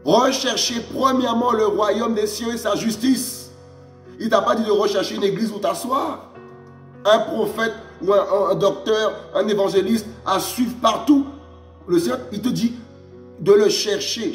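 A man preaching a sermon with emphasis, firing off rhetorical questions and dropping low on each "my friends". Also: a little slow, echoey room, faint music behind. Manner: emphatic, repeats "mes amis" in a low drop; rhetorical questions, rising exclamations.

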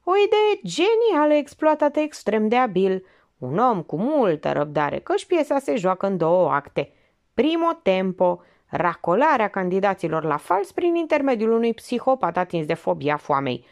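A woman's voice: mid-range voice, big pitch swings, a little mellow. Woman reading a shrewd, commanding female investigator. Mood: explaining. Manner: measured, explanatory.

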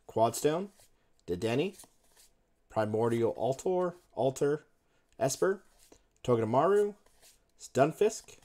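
A man in his thirties hosts a card-opening video at his desk at home, his mid-range voice murmuring card names one after another as he opens packs. Now and then he bursts out with sudden excitement, amid crinkling wrappers, in this casual unboxing commentary.

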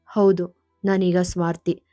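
A woman narrator voicing a cold, guarded grown man who answers curtly and flatly. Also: on the low side, slow pace, no room sound, clean studio sound, soft background music. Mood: detached. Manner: curt and detached.

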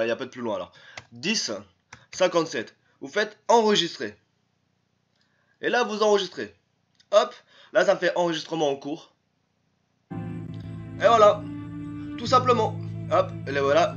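A young tutorial YouTuber with a French accent speaks in a fairly high, fairly bright voice on a muffled recording. Guiding viewers through a casual screen-recorded tutorial, he's chatty, repetitive, and rambling, constantly saying "les potos," restarting often, and tossing in "hop."

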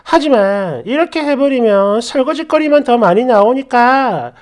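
A woman's voice: on the high side, expressive, moderate pace, a little mellow. A woman narrating a reader's story in the first person, in a chatty, exasperated way, speaking straight to her viewers.

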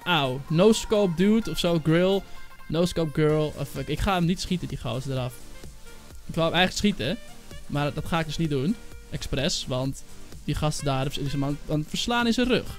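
A young man giving casual, rambling commentary on his own gameplay as a gaming channel host, and he gets excitable and shouts at rivals. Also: a little high, normal speed, soft background music. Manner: excitable, shouts and yells when angry at hackers; casual, rambling, with many fillers. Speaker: gaming YouTuber. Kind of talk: live Minecraft gameplay commentary.

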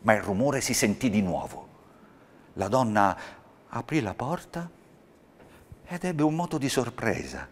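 A man reading a Christmas fairy tale aloud in a measured, expressive storytelling manner. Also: mid-range voice.

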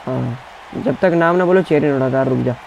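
A young man giving excited gameplay commentary, taunting his opponents and barking commands as he plays. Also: mid-range voice, brisk, vocal fry, highs cut off, music in the background, a crowd in the background. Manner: trash-talking, taunting opponents, shouting commands. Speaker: gaming YouTuber.

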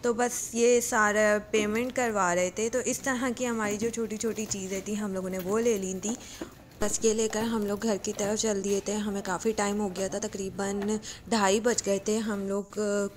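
A woman's voice: medium pitch, level tone, a little slow, slight background noise. A woman from Pakistan narrating a casual shopping vlog, chatty and rambling, with fillers and self-corrections. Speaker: vlogger. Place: shops and supermarket, partly voice-over.

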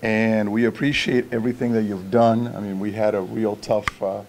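A man's voice: fairly low pitch, steady tone, normal speed, a little mellow, slight background noise. Formal man chairing a council meeting. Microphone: desk microphone.

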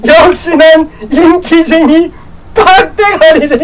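A woman streaming a game live, teasing other players in loud banter and laughing often; her voice sits a little off-mic. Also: extremely high pitch, fairly even intonation, takes it slowly, far from the mic, very noisy. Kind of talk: live gameplay chat with viewers.

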